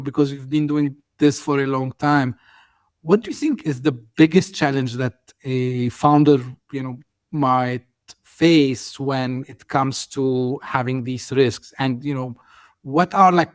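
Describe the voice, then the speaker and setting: A man with a mid-range voice hosts an interview podcast, recorded at studio quality with no echo. His questions run long and hesitant, packed with fillers, especially "you know."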